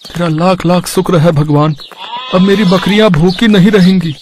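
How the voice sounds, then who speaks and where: A man's voice: high voice, moderate pace, noisy background, close to an everyday voice. A man voicing a poor, humble goat farmer who talks simply and earnestly in a cartoon story.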